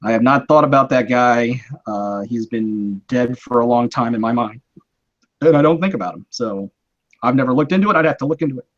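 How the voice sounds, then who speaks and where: A man's voice: mid-range voice, a little fast, muffled recording. A man hosting a casual live-stream chat, explaining his views in a rambling, conversational way with many restarts. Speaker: host.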